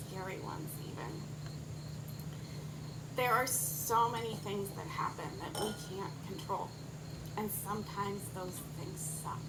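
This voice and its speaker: A woman officiant giving a wedding speech with deliberate, emphatic phrasing and light humour. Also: a little high. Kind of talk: wedding ceremony speech with advice. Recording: clear insect and outdoor background noise.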